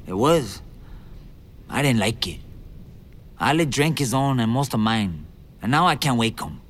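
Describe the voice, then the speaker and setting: A man's voice: medium pitch, lively intonation, measured pace, slight background noise, lightly acted. A man voicing a drugged, befuddled male soldier on guard duty, with a thick voice that sounds like sand in his throat, in a dramatized audiobook. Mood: groggy. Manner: bewildered, stumbling, then alarmed.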